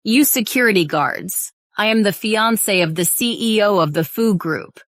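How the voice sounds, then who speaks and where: A woman's voice: medium pitch, normal speed, a bit bright, dry recording, lightly acted. A woman dubbing an arrogant, spoiled young heiress who talks down to everyone, recorded dry in a studio. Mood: sneering. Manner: sneering, haughty. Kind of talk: English drama dub.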